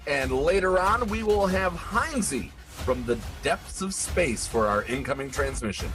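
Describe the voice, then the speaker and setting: A man's voice: a little high, animated, measured pace, music in the background. A man co-hosting a gaming podcast in casual, conversational chat. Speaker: podcast co-host.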